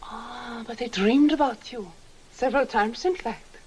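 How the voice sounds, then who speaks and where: An actress in her twenties playing a forward young Swedish visitor, with a Swedish accent and a soft, teasing manner, in 1960s film acting. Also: fairly high pitch, a little slow, a little hiss or hum, natural voice, poor audio. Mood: coy. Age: 20s.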